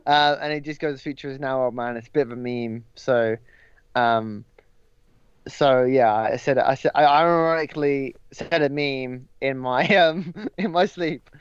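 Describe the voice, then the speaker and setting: A man's voice: mid-range voice, measured pace, clear, resonant tone, no echo, lo-fi sound. A young man, a podcast guest, talking casually with lots of ums and the odd swear word.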